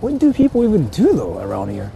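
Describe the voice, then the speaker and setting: Here a man with a fairly high, warm voice talks fast, his pitch swooping wildly and his delivery marked by vocal fry, while the audio sounds dull. He's livestreaming on busy city streets, chatting loosely and swearing in slang, with cars and street noise all around.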